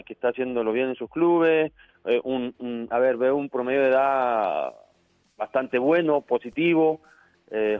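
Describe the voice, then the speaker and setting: A man's voice: medium pitch, dry recording. Man on a tinny phone line. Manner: hesitant, repeats words while searching. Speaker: football coach guest. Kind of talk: phone interview. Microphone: phone call.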